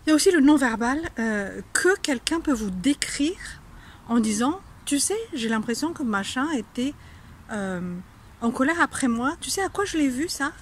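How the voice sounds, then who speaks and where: A woman's voice: high-pitched, lively intonation, unhurried, slight background noise. A woman teaching a casual video language lesson, playful, laughing often and pretending to be angry.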